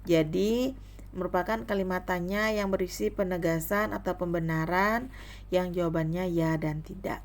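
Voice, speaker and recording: A woman's voice: lowish voice, fairly even intonation, moderate pace. A young adult woman teaching a grammar lesson, listing examples one by one.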